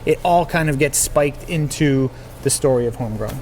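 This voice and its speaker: A man from New England, a chef being interviewed about his cookbook, talking in a measured, thoughtful way with frequent fillers. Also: medium pitch, a little mellow, a little hiss or hum. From New England, United States. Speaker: chef and cookbook author, guest. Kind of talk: conversational interview.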